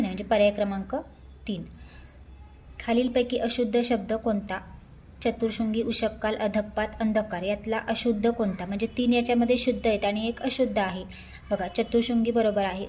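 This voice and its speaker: A woman teacher talks through practice exam answers one question at a time. She reads each question aloud, then explains the answer patiently and methodically. Her voice sits at a middle pitch, and a faint room noise stays in the background. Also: a little mellow.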